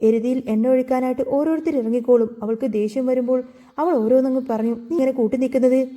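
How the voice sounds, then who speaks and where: A woman's voice: high voice, steady tone, fast talker, warm tone, lightly acted. A woman narrator voicing a stern, commanding older man who heads the household in a storybook retelling.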